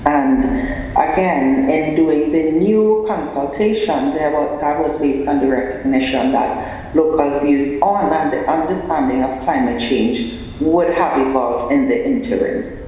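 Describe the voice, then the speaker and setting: Man, fairly high voice, measured academic presenter, booming hall reverb. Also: mellow, a little hiss or hum. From Trinidad and Tobago. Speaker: conference presenter. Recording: echoey, dull sound in a large hall.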